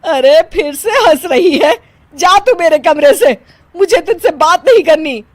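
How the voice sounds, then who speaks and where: A woman's voice: mid-range voice, lively intonation, measured pace, a little mellow, slight background noise, lightly acted. A woman voicing a stern older mother-in-law in a cartoon story who scolds in a raised voice. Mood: scolding.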